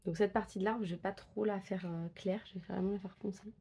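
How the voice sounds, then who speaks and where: A woman talks casually as she colors, testing pencils and thinking aloud. Her voice is husky and slightly breathy, with a gravelly fry, and her speech is full of fillers and self-corrections. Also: medium pitch, steady tone, fairly quick, mellow. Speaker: coloring book vlogger. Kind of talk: casual chat while coloring.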